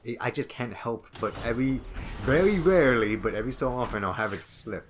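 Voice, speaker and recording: A man's voice: mid-range voice, a little fast, slight background noise. Young male co-host, casual rambling gamer chat. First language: English. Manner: rambling, many "like" fillers, playful impressions. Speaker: co-host of a gaming let's play.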